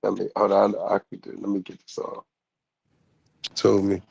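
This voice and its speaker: A man's voice: fairly low pitch, completely flat delivery, moderate pace, creaky, a little mellow, breathy edge, no echo, dull audio. Man on a choppy, breaking-up call. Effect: choppy, breaking-up online call audio. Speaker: boxing show co-host. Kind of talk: casual chat. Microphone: video call.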